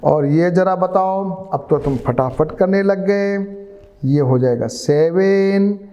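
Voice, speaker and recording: A man's voice: sits high, slow pace, dark tone, big-room sound, lo-fi sound. A man teaching a maths lesson, patiently coaxing pupils with questions. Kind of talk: classroom lesson.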